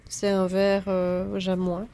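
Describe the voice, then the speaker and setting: Slow, hesitant woman showing craft papers. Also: mid-range voice, monotone, dark tone, a little hiss or hum. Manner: slow, hesitant, many fillers while showing items. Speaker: scrapbooking haul vlogger. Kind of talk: casual haul video commentary.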